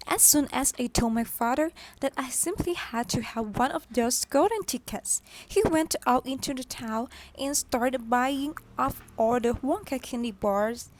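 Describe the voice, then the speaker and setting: A Thai-accented woman playing a spoiled, demanding rich girl in a student stage play, telling her story slowly and going shrill when she demands things.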